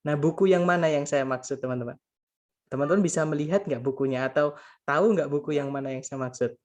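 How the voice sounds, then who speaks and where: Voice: mid-range voice, fast talker. Casual grammar tutor talking to friends, patient, goes over each example twice. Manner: patient, repeats points and translates each example; keeps addressing listeners as friends. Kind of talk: casual spoken grammar lesson.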